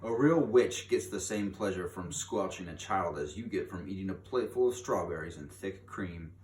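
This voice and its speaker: A man with a low, slightly mellow voice reads a children's book theatrically at a normal pace, animated and emphatic as he stretches key words for drama. The storyteller is recorded from a distant mic in an echoey room with background noise.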